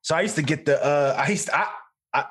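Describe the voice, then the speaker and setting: A man's voice: fairly high pitch, fast, a bit bright. A man in casual podcast banter, slangy and peppering his talk with bro, dog and you know what I mean. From Philadelphia, United States.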